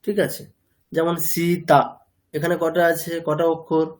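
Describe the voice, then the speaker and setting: A man's voice: on the high side, flat delivery, measured pace. A man teaching a language class, explaining patiently, quizzing his students with questions, and mixing English words into his talk. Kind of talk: classroom lecture.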